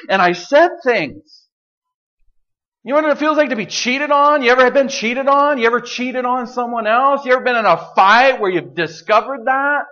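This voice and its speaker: A man preaching a sermon in an animated, joking way, putting questions to the congregation. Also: sits high, lo-fi sound. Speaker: pastor.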